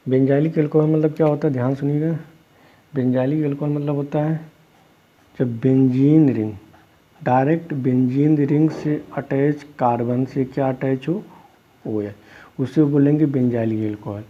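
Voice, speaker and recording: Male chemistry teacher, husky tone, patient step-by-step lecturing, muffled lo-fi sound. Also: medium pitch, fairly even intonation, normal speed. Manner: explains step by step, asks students questions and answers them himself; calls students "beta". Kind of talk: classroom lecture. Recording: dull lo-fi recording.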